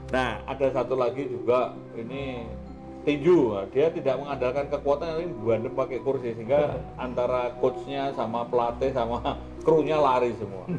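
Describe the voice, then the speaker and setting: A medium-pitched man speaks at normal speed while hosting an art talk show, his Indonesian carrying a Javanese accent. The talk is rambling and chatty, often capped with little questions. Audio quality is poor, and music runs in the background.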